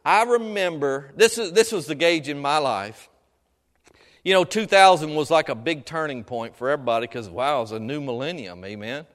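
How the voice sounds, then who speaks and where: A middle-aged man preaches a sermon to a congregation in a large room, folksy and colloquial as he exhorts them, dotting his points with questions and amens. His voice is fairly high, a bit bright and lively in intonation, at a moderate pace, and the hall carries a long, reverberant echo.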